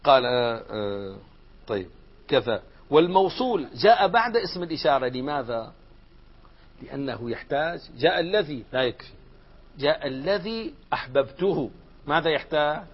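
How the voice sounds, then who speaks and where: Sheikh teaching grammar, lo-fi. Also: male voice, fairly high pitch, lively intonation, normal speed, slightly rough. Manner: asks the class questions and answers them, mixing formal Arabic with colloquial. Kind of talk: classroom grammar lesson. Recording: dull lo-fi lecture recording.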